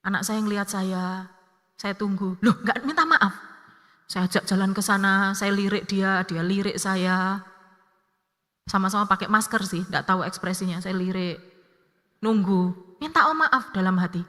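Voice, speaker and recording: A woman preaches a sermon full of personal stories. Her voice is bright and ringing, and she slips into lively acted-out dialogue. A long church-hall reverb trails every phrase. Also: mid-range voice, moderate pace. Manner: lively, acts out family dialogue in her story. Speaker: evangelist preacher.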